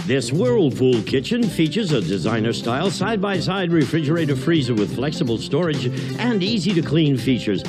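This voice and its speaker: Booming male game show prize announcer, animated pitch. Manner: booming, drawn-out showy delivery. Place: television game show studio. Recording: loud music and studio audience behind.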